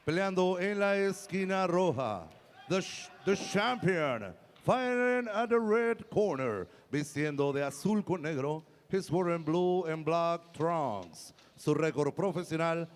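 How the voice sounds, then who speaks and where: High-pitched, showy bilingual male ring announcer, lucha-libre style. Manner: showy, stretches out names and titles.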